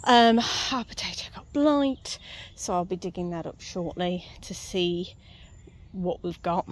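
A woman with a fairly low, animated voice walks through her allotment garden at a measured pace, chatty and self-mocking, with easy laughter. She is off-screen, holding a phone camera outdoors. A little hiss or hum and faint outdoor ambience come through.

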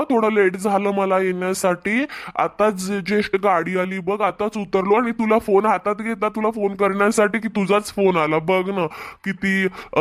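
Smooth-talking cheating husband. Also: male voice, high-pitched. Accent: Marathwada Marathi. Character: scheming two-timing husband.

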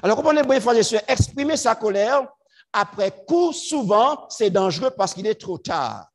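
A man preaching a sermon to his congregation, swinging between loud emphatic lines and low quiet asides. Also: sing-song, normal speed.

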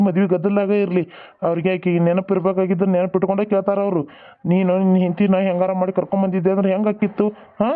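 Earnest village men of a homemade cartoon, all voiced by one man, talking fast in a North Karnataka accent. His voice sits fairly high, and the sound is thin and phone-like. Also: close to an everyday voice. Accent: North Karnataka Kannada. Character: village men, a son-in-law and a father. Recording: tinny phone-like recording.

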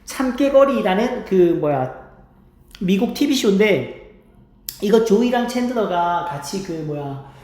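A woman host giving a casual spoken language lesson, repeating English phrases slowly over and over with many fillers. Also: mid-range voice, animated, a little mellow. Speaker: English teacher and channel host. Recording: roomy echo.

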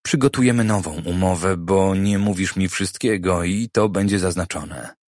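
A man's voice: deep voice, normal speed, a little mellow, no room sound, clean studio sound, lightly acted. A man reading a blunt, demanding businessman. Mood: insistent. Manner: blunt, probing questions. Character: demanding wealthy middle-aged businessman.

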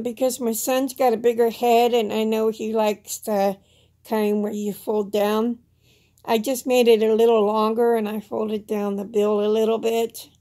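Slow-talking middle-aged woman, toothless articulation. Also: medium pitch, vocal fry, darkish tone. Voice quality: toothless, slightly slurred articulation. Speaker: vlogger. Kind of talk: casual personal update to camera. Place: small indoor room at home. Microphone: phone at arm's length.

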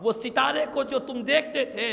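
A man delivers an emphatic, declamatory religious sermon with Arabic quotations, seated before an audience in a small indoor prayer hall, though it sounds like a large hall. His very high-pitched voice is pushed and bright, with vocal fry and a moderate pace, picked up by a stand microphone and a clipped lapel mic.

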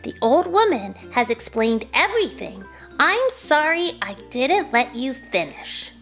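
A woman's voice: high voice, very animated, unhurried, exaggerated voice. A woman voicing a giant's wife in a storybook reading, exclaiming in a scolding way. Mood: apologetic. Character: shrill, upset giant's wife. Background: soft background music.

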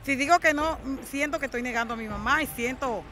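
High-voiced young woman, earnest. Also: fast talker, bright, forceful tone. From Dominican Republic. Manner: earnest, firm about her identity. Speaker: interviewee. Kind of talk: candid interview answers.

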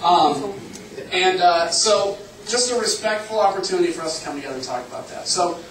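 Speaking in a high, expressive, fairly bright voice at a brisk pace, an Illinois man in his thirties who is running for Congress addresses a town hall earnestly and conversationally. The recording has a little hiss or hum, with faint ambience in an echoey public meeting room and the mic far away.

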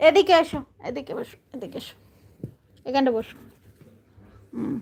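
A woman's voice: high-pitched, expressive, moderate pace, creaky, slight background noise. A woman on a casual live stream, talking to her pet bird in a coaxing, doting way.

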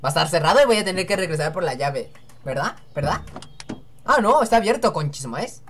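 A woman's voice: fairly low pitch, expressive, fast, a little hiss or hum. A young woman hosting a let's-play, chatting and joking to herself as she reads game dialogue aloud. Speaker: gaming channel host.

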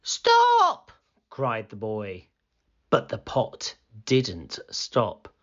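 A man reading a children's storybook aloud as a channel host, in a slow, expressive, sing-song bedtime-story manner. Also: on the low side. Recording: slightly dull lo-fi sound.

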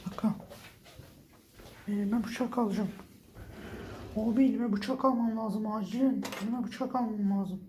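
A man's voice: sits high, fairly even intonation, a little slow, pauses often, mellow, a little hiss or hum. A young man vlogging on his phone, frightened and exclaiming as he keeps talking to his viewers. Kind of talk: scared horror vlog, whispered asides.

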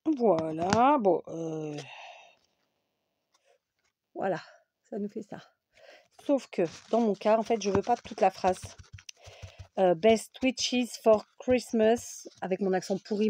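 A woman's voice: mid-range voice, moderate pace, pauses often, dark tone, husky. A woman hosting a casual scrapbooking tutorial, chatty and full of fillers, correcting herself as she works at a craft table.

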